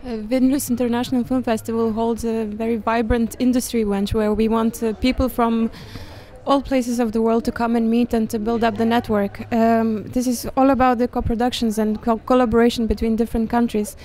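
A woman's voice: a little high, little pitch movement, fairly quick, mellow. A woman interviewer putting questions in hesitant, searching phrases. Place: busy festival venue foyer, indoors. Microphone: handheld interview microphone. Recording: noisy venue ambience.

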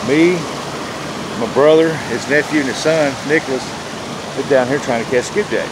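For an outdoor fishing vlog, a middle-aged man chats casually and plainly in a folksy, mid-range voice on a rocky riverbank. He films on a handheld phone at arm's length, so the video is noisy with rushing river water and outdoor ambience.

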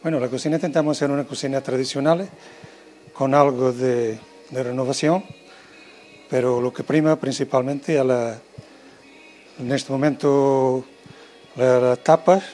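A man's voice: medium pitch, fairly even intonation, normal speed, pauses often, darkish tone, soft background music. A man in his fifties, a head chef, describing his cooking in a plain, matter-of-fact way in a restaurant kitchen, into a handheld mic. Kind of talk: on-camera interview.

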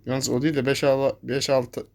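A man's voice: mid-range voice, little pitch movement, a little fast, vocal fry. A young man giving live gameplay commentary, talking to his viewers and cursing at the enemies that chase him. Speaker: gameplay streamer.

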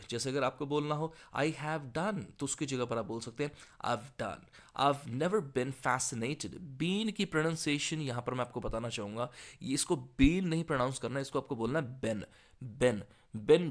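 Man teaching English. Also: mid-range voice. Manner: slow deliberate reading of model answers between quick explanations. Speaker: English exam coaching teacher. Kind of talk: spoken language lesson.

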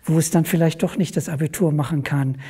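Male guest with a husky, soft-toned voice, musing through examples. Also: on the high side, fairly even intonation, brisk. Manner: anecdotal, thinking aloud. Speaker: discussion guest. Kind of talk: academic discussion.

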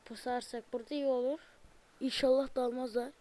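A young woman commentating her own gameplay, alternating muttered remarks with loud frustrated outbursts and asides to viewers. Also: high-pitched, brisk. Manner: excitable, frustrated outbursts at the game; talks to viewers, asks them to subscribe. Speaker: gaming video creator; student.

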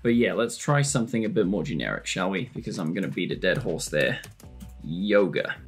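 A man's voice: low voice, expressive, brisk, husky, soft background music. A man presenting a casual screen-share tutorial, chatty, joking and self-deprecating as he clicks through.

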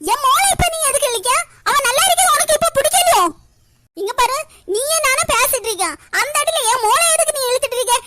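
A woman's voice: very high-pitched, lively intonation, fast talker, heavy background noise. A woman voicing a quarrelsome old mother-in-law in a cartoon, scolding and sarcastic, slipping into self-pitying complaint. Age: older. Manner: scolding, sarcastic, breaks into crying. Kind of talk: cartoon comedy voice acting.

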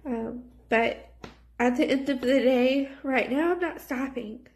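A woman's voice: high voice, measured pace. A woman in her thirties speaking in a personal, confessional vlog, recorded on a phone in a small room. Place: small plain indoor room. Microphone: phone at arm's length.

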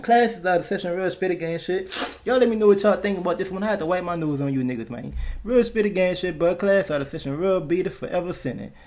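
A man hosting a music reaction video, talking casually in an animated, playfully scolding way and repeating himself often. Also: high-pitched, quick pace.

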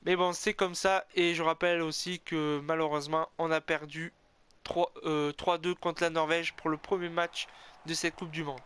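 A man's voice: fairly high pitch, moderate pace, clean tone, dry recording. A man commentating his own ice hockey video game match, cheering, groaning and correcting himself as he plays. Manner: animated, cheering and groaning, frequent "oh là là" exclamations; self-corrects and admits being an amateur. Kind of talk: excited play-by-play game commentary.

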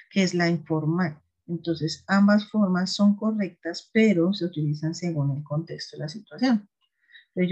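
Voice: mid-range voice, a little mellow. An English teacher giving a recorded class explanation, patient and often stopping to check that students follow along. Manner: patient, checks understanding with repeated "¿listo?". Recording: dull lo-fi recording.

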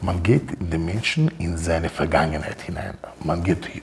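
A man's voice: sits low, normal speed, creaky, a little hiss or hum. A man giving an informal Torah talk, telling personal stories and acting out the dialogue in them. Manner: animated, acts out quoted dialogue. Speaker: Torah teacher.

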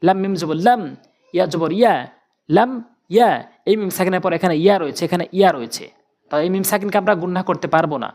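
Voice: mid-range voice, racing, a little mellow. Patient Quran teacher drilling syllables. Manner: patient, repetitive drilling with questions and answers. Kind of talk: step-by-step tajweed lesson.

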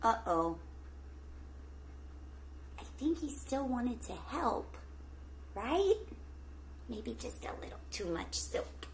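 A middle-aged woman reads a picture book aloud like a teacher addressing her class, drawing out words expressively and pausing to ask the children gentle questions. Her voice sits at an average pitch. The recording comes from a home webcam in a small room with plants, with light background noise and poor audio quality.

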